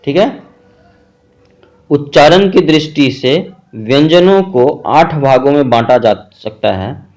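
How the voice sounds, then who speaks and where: A man's voice: a little high, animated, darkish tone. A man teaching a grammar lesson, explaining step by step and listing examples one at a time with frequent check-ins. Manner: slow, methodical explaining with frequent "theek hai" check-ins.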